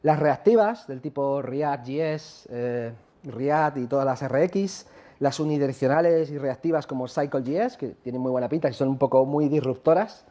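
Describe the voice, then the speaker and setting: His mellow, medium-pitched voice moves at a normal speed as he delivers a chatty live tech conference talk. The speaker comes from La Mancha, Spain, has a Castilian accent, and often questions the audience, with lots of tag questions.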